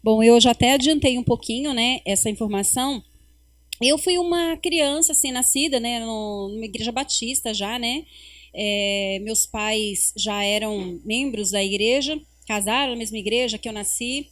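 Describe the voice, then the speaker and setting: A woman's voice: on the high side, moderate pace, fairly bright tone. A middle-aged mother sharing family stories and her faith testimony on a church podcast. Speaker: podcast guest. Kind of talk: casual church podcast conversation.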